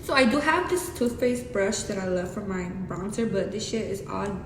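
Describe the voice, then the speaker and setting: A young woman with a Mexican accent, working as a beauty vlogger, gives an easygoing, profane makeup tutorial with chatty asides. Her mid-range voice is lively in intonation and normal in speed. The recording has echo and hiss.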